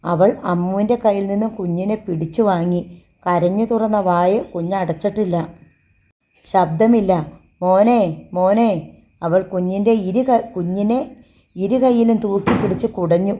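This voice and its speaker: A woman narrating a story for an audiobook in a steady, measured reading. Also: mid-range voice.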